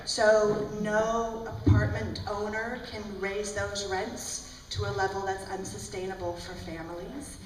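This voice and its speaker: A woman's voice: medium pitch, flat delivery, a little slow, few pauses. A woman originally from the Netherlands, speaking as an academic panelist, explaining points emphatically and often adding "right?". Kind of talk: panel discussion. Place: large hall at a breakfast event. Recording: echoey hall from far off, background noise.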